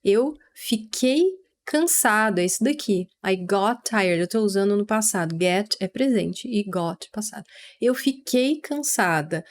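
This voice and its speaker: A Brazilian woman teaching English vocabulary, patiently explaining and repeating words slowly for pronunciation. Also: medium pitch, expressive. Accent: Brazilian Portuguese.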